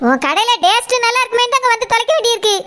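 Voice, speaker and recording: A grumpy village woman as acted in a comic skit, extremely high and bright. She haggles in quick, sarcastic, scolding bursts. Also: expressive, full character voice. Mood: grumbling. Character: grumpy haggling village woman customer, a sharp-tongued mother. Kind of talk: comic story skit acting.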